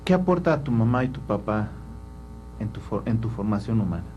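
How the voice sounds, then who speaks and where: A man's voice: fairly low pitch, expressive, fairly quick, dull audio, a little hiss or hum. A man hosting a talk show, asking questions with curiosity and a playful teasing edge. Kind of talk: interview questions.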